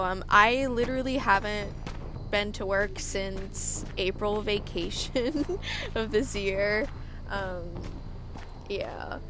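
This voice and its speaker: A woman in her early twenties with a feminine voice, giving a casual, self-conscious voice-over with rambling, self-mocking asides. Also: mid-range voice. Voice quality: feminine-sounding. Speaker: gaming channel creator.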